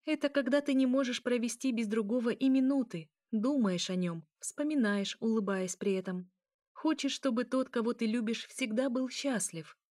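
A woman's voice: fairly high pitch, normal speed, a little mellow, no room sound, clean studio sound, pitched above the performer's own voice, lightly acted. Woman voicing a fierce vampire princess. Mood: tender teasing. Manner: fierce, pleading, bitter. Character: proud vengeful young female vampire princess. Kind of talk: audiobook character reading.

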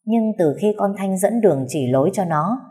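A woman narrating a dramatic family story in an expressive storytelling voice. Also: mid-range voice, moderate pace.

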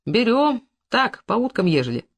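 A reader voicing an evasive rural man caught out, answering tersely in a lowered, reluctant voice. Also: sing-song, normal speed.

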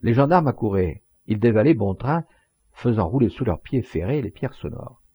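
In a measured, expressive storytelling style, a man with a gravelly, mid-range voice narrates a literary audiobook. The recording is dry.

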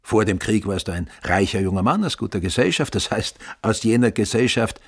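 In a radio drama, an actor plays a blunt, matter-of-fact businessman, an older, middle-aged man who is a father-in-law. His voice is husky and on the low side, delivered in an animated, fairly quick way.

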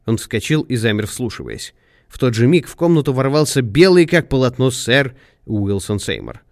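A man reading a detective story aloud in measured, expressive narration. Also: mid-range voice, no room sound, studio quality. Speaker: audiobook narrator. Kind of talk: scripted narration.

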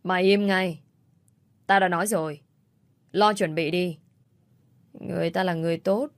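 A woman voicing a drunk, angry middle-aged father who barks gruff insults in a storybook reading. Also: on the low side, fairly even intonation, moderate pace, no echo, natural voice.

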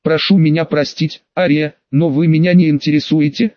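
Man reading courteous old legless master, calm, fairly high voice, dry dull sound. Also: moderate pace, no room sound, close to an everyday voice. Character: gruff legless old male master warrior. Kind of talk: audiobook character reading.

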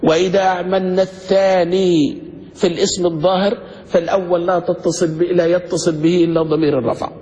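A man, teaching a grammar lesson and quizzing his students, slowing down to spell out each example. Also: high-pitched, flat delivery, a little mellow. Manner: asks students questions, slows to spell out examples. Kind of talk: classroom lesson. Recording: dull lo-fi recording with long reverb.

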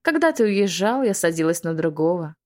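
A woman's voice: lowish voice, very animated, brisk, a little mellow. A woman reading an audiobook, voicing a spiteful young witch who taunts and hisses through her teeth. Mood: taunting. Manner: hissing, taunting.

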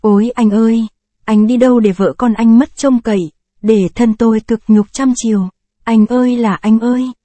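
A woman's voice: fairly high pitch, steady tone, normal speed, warm tone, dry recording, close to an everyday voice. A woman voicing a poor grieving peasant widow who laments in a storybook reading. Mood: wailing. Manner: wailing lament.

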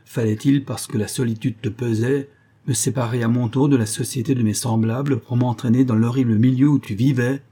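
A man's voice: medium pitch, fairly even intonation, normal speed, slightly rough, pitched above the performer's own voice, natural voice. A man reading aloud voices an enraged, bitter young man who hurls contempt at his beloved. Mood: furious. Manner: loud, contemptuous outbursts.

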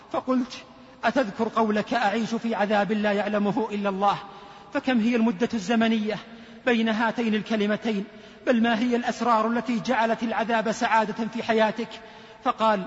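High, flat-voiced preacher in a reverberant hall. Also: male voice. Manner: slow, emphatic preaching with rhetorical questions. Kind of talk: sermon with a narrated story. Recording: dull lo-fi sermon recording with long reverb.

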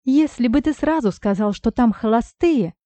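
A sharp-tongued young woman at the end of her patience, voiced by a woman reading an audiobook. She flings out shrill, indignant lines well above her usual pitch, pushing louder as she goes. The recording is dry and a touch dull. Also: expressive, moderate pace, no echo, close to an everyday voice. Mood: furious.

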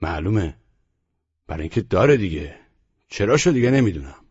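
A man's voice: low-pitched, big pitch swings, darkish tone, slightly rough, dull audio, exaggerated voice. A man voicing a rude, weary young man who answers curtly and sarcastically in an audiobook story. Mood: gruff. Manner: curt, cursing, sarcastic.

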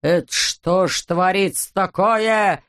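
A woman's voice: lowish voice, clean tone. Woman voicing a screeching bald tyrant. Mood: furious. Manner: screeching, drawn-out yelling, name-calling. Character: bald bossy greedy male landowner, hot-tempered. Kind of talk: audiobook character voice.

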